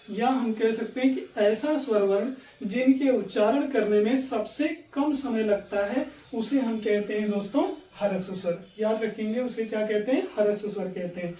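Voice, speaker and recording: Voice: medium pitch, warm tone. A Hindi grammar teacher giving an online lesson. The teacher repeats each point, quizzes the viewers and keeps calling them friends. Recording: echoey room, speaker far from mic.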